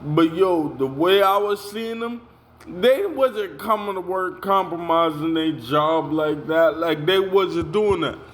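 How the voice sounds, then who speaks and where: Fired-up young man ranting, high voice. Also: slow pace. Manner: heated, repetitive, street slang, says "yo" a lot. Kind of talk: casual storytelling rant.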